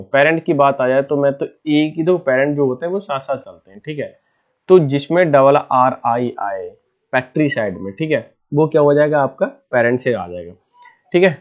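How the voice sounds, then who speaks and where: This man leads an exam-prep lesson in casual Hindi, teaching vocabulary in an easygoing manner, patiently explaining every word and checking with his students over and over. His voice sits on the high side, in lo-fi sound.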